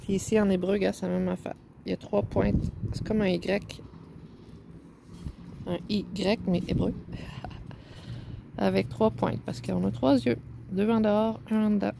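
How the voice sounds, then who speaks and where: Slow, gravelly Québécois woman musing. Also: mid-range voice, steady tone, noisy background. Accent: Québécois French. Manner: slow, rambling, hesitant, playing on words. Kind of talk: casual musing talk showing pages of a book.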